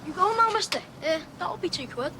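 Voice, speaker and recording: A woman's voice: extremely high pitch, animated, brisk, heavy background noise. A woman playing a cheeky young street boy, brash and bargaining, in a TV comedy-drama. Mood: brash, grudging.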